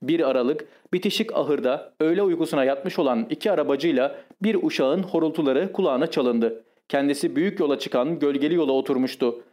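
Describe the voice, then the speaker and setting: A man narrating a classic short story as an audiobook, calm and measured. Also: on the high side. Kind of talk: scripted narration.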